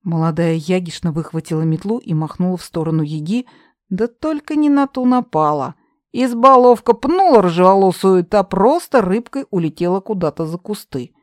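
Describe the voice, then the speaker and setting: Женщина читает сказочную аудиокнигу. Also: female voice, on the low side, normal speed, no echo, clean studio sound. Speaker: audiobook narrator. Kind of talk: scripted fantasy audiobook narration.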